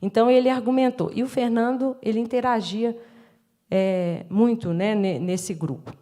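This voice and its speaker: In a lecture room, a middle-aged education professor with a Brazilian Portuguese accent explains step by step, acting out classroom exchanges and using frequent tag questions. Her fairly high voice is steady and mellow, at a moderate pace.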